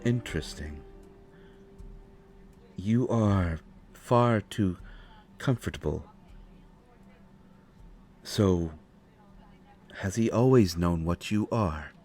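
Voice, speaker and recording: For a scripted, immersive audio roleplay, a man voices an ancient, courteous vampire who speaks softly and gravely in formal, measured, deliberate phrasing. The deep, darkish voice is heavily acted, with a knowing, intrigued mood. A roomy echo and faint background music surround him.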